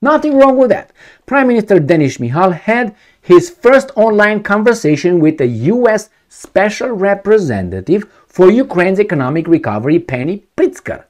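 This middle-aged man from Romania makes a casual to-camera video in his home study, surrounded by bookshelves. His high voice has a sing-song quality at a normal pace, and he's emphatic and repetitive, posing rhetorical questions.

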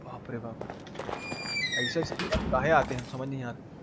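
A male live streamer from India with a Bihari Hindi accent gives casual gaming commentary while chatting with viewers, teasing them and swearing freely in colloquial speech. His pitch is medium but swoops wildly, and he talks at a normal speed. The recording is clearly noisy, with game sound behind him.

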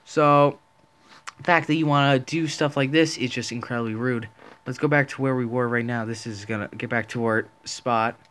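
A man's voice: mid-range voice, steady tone, normal speed, a bit bright, a little hiss or hum. A man making a casual commentary video, rambling and indignant, often restarting his sentences. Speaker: small online video creator.

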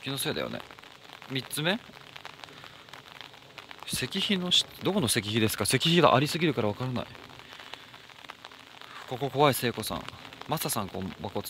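A man live-streaming outdoors at night in the rain, chatting casually, thanking and answering viewer comments, and breaking into soft high squeals. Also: very animated, normal speed, pauses often, noisy background.

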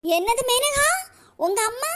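Cartoon gossip auntie with a Kanyakumari Tamil accent, very high and squeaky, nosy and scheming. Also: animated, a little slow, fairly bright tone, exaggerated voice. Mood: mock-concerned. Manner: nosy, scheming, mock-sympathetic. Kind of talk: cartoon comedy voice acting.

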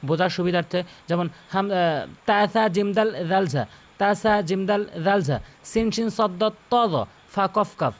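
A man with a high voice teaches recitation as a lesson. He stretches syllables out slowly and repeats them again and again. He warns earnestly against common mistakes. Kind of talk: instructional lesson with chanted examples.

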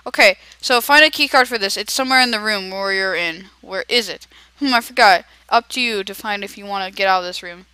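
A bossy young evil kidnapper barks orders at his captive, as a young male gamer puts him on. The voice is bright and smooth, recorded dry and close. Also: medium pitch, brisk, dry recording, natural voice, poor audio. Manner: bossy, demanding.

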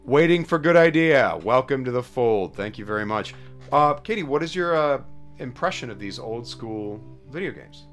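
A man hosting a live stream, playfully addressing his viewers as ladies and gentlemen in a casual sign-off chat. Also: mid-range voice, expressive, moderate pace, faint music behind. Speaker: streamer host.

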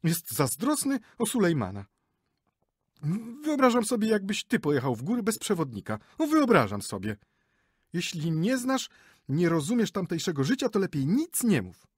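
A man voicing a flighty, chattering wife who is quick to take offence, in an audiobook. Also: high voice, wildly swooping pitch, darkish tone, husky, no echo, clean studio sound, pitched above the performer's own voice, full character voice. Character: flighty, chattering wife, middle-aged woman. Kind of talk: audiobook character reading.

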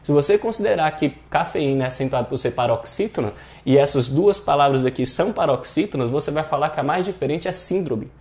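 A man's voice: fairly high pitch, animated, fairly quick, hardly any pauses, a little mellow. A Brazilian Portuguese-speaking male teacher explaining grammar exercises in an online exam-prep class, often checking in with rhetorical questions.

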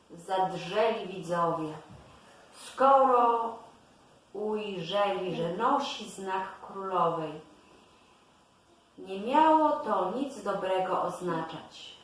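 A woman narrating a storybook fairy tale aloud with a slow, deliberate storytelling delivery, recorded in a room at home. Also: medium pitch, far from the mic. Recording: very echoey room, voice from afar, faint hiss.

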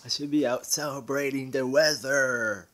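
A man talks to his viewers in a bright, forceful voice, wandering from point to point and restarting his sentences. He sounds a little out of breath, and the sound comes from a camera mic held in his hand. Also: medium pitch, steady tone, moderate pace. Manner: rambling, hesitant, with restarts. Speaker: vlogger. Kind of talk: casual vlog talk to camera. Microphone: handheld camera mic.

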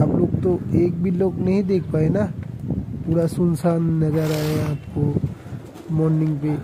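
A travel vlogger with a slightly high voice walks through a busy outdoor hill town square at night, chatting casually and directly to his viewers. He rambles and corrects himself as he goes. Loud music and heavy background noise fill the recording.

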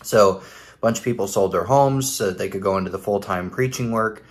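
A man's voice: fairly low pitch, brisk. A man in his thirties hosting a casual, critical commentary video from home, with a sarcastic edge. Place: living room at home.

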